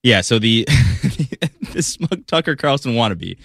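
A male co-host on a talk radio show reads an article aloud and laughs along at it. His voice sits in an ordinary middle pitch. The recording is dry. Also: expressive, slow pace, fairly bright tone, breathy edge, no room sound. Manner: amused, reading with frequent laughs.

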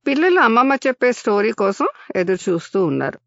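An older woman hosting a storytelling podcast, narrating children's tales in a lively way and voicing the characters. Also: on the high side, a little fast, no room sound, muffled recording.

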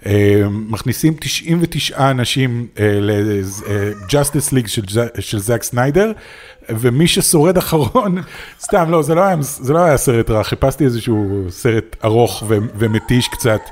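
A man's voice: mid-range voice, animated, darkish tone. A man with an Israeli accent co-hosting a casual discussion and explaining his opinions in a skeptical way. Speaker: podcast co-host.

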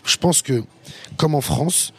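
A man's voice: fairly high pitch, takes it slowly, vocal fry, husky. A man, a rapper, chatting loosely in an interview, with street slang and frequent restarts. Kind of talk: casual interview chat.

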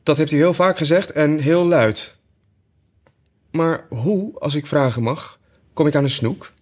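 A man's voice: a little high, a little slow, darkish tone, pitched above the performer's own voice, natural voice. A polite, curious young girl with a lifted, eager voice, as a male narrator puts her on. She asks and pleads with careful manners. It is a storybook audiobook reading. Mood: pleading. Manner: politely pleading, slightly put out.

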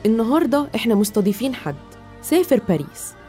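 A woman's voice: on the high side, very animated, quick pace, over music. A woman with an Egyptian Arabic accent, presenting and interviewing as a podcast host. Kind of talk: scripted podcast introduction and interview.

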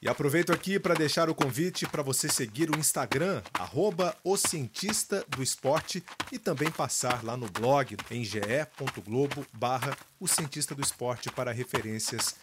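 A man's voice: medium pitch, expressive, normal speed, few pauses, very noisy. A man with a Brazilian Portuguese accent hosting a podcast, narrating in an upbeat, announcer-like way. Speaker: podcast host. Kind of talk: scripted narration.

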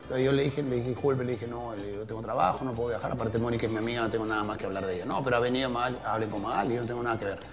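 A middle-aged man with a Peruvian accent from Callao, an interview guest telling stories in a relaxed, laughing way and acting out the dialogue. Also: medium pitch, very fast, hardly any pauses. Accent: Peruvian Spanish, Callao. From Peru. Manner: laughing, animated storyteller, plays out quoted dialogue. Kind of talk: casual storytelling interview.

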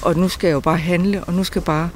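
A man recounting a painful memory in a halting way, often repeating words and restarting sentences. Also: high voice, steady tone, slight background noise. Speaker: interviewee. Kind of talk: personal testimony.

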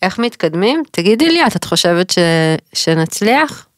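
A woman co-hosting a podcast in casual chat, speaking quietly and gently with long pauses between words. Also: mid-range voice, very animated, no room sound, clean studio sound. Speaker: podcast co-host.

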